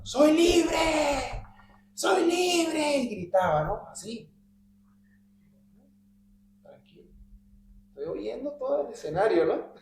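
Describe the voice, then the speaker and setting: A man shares a personal story with his Bible study group, his voice fairly high and mellow. He drops almost to a whisper when he repeats his prayers. The recording sounds roomy, with a faint hum underneath. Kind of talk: telling a personal story in conversation. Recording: echoey room with faint hum.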